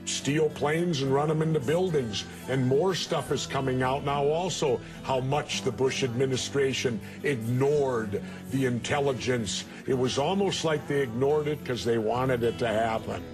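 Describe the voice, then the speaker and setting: Man, combative, interrupting, heated debate, clear music underneath. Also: medium pitch, measured pace, few pauses. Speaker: former politician debating on TV.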